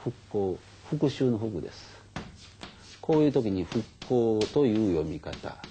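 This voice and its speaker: A man's voice: lowish voice, sing-song, a little slow, warm tone, slight background noise. An older man, patiently explaining how to write kanji to schoolchildren, with many fillers. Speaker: elementary school teacher. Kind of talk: kanji lesson for children.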